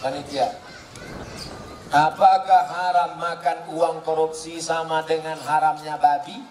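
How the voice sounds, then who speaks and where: A man preaching a humorous sermon to a live audience, answering their questions with teasing jokes and swinging from soft asides to shouted points. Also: a little high, flat delivery, a little slow, a little hiss or hum. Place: large hall with a live audience. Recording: echoey hall, distant, crowd laughter.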